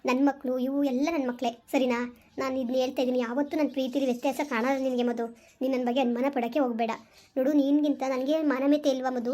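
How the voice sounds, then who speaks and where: High-voiced, fast-talking earnest woman. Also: mellow. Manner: earnest, reassuring. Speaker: wife in a family vlog. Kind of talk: casual heartfelt family talk.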